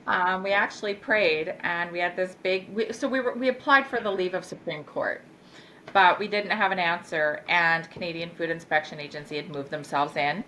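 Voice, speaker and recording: A woman's voice: lowish voice, moderate pace, sharp tone, slight background noise. A woman farmer, a guest in an interview, telling a long story in an earnest, emphatic way.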